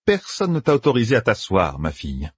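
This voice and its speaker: A man's voice: lowish voice, wildly swooping pitch, a little fast, breathy edge, no echo, pitched above the performer's own voice, heavily acted. A man voicing a scarred, imperious woman who speaks firmly and commands. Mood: reproachful. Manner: firm, commanding.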